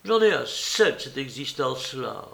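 A man's voice: medium pitch, very animated, moderate pace, vocal fry, fairly bright tone, full character voice. A man reading a novel aloud, voicing an irritated, stubborn elderly aunt who scolds her nephew. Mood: exasperated. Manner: scolding, indignant questioning. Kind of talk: audiobook character reading.

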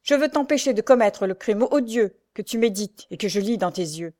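A humble young knife-grinder from a classic storybook who has finally found his courage. He speaks loudly, firmly and fiercely. A woman narrator acts him out, lifting her voice for his defiance. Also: mid-range voice, expressive, normal speed, natural voice. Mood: defiant. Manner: loud, fierce, resolute.

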